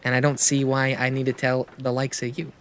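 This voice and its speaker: A man's voice: medium pitch, monotone, fairly quick, slight background noise, natural voice. A man playing a stern, proud male ship captain who answers in a clipped, defensive way.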